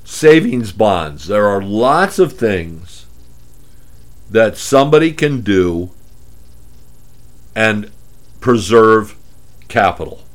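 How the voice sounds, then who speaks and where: A man's voice: fairly low pitch, very animated, extremely slow, pauses often. Emphatic male radio money-advice host. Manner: emphatic, repeats rhetorical questions. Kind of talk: radio talk monologue.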